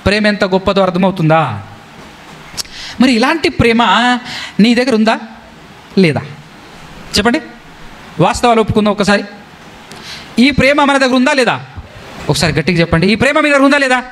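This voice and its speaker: A man preaching a sermon, who keeps questioning his congregation and slowly draws out his scripture quotes. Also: sits high, animated, a bit bright. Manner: questions the congregation and repeats key phrases.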